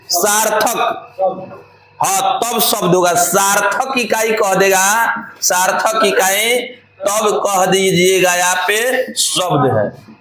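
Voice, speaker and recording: A high-pitched male teacher, drilling grammar points by repeating each phrase and asking his class if they follow. His voice rings around an echoey room, with students audible in the background. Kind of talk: classroom lecture.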